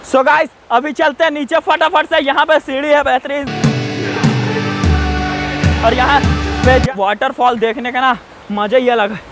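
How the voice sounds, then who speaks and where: A man's voice: extremely high pitch, steady tone, over loud music, rough recording. A man vlogging casually outdoors by a waterfall, chatting to his viewers as he walks and repeating safety warnings. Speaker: travel vlogger. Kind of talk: casual walking vlog. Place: outdoors on rocky hillside by a waterfall. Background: faint rushing waterfall.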